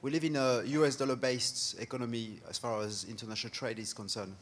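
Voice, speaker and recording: A man speaking on a conference panel in an earnest, deliberate way. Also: mid-range voice, fairly even intonation. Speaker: panelist, startup founder.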